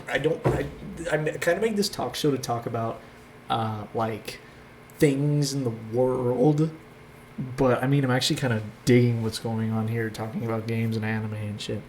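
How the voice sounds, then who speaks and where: A man's voice: medium pitch, moderate pace, darkish tone, slight background noise. A man hosting a casual chat show, rambling and hesitant with many fillers and restarts. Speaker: host.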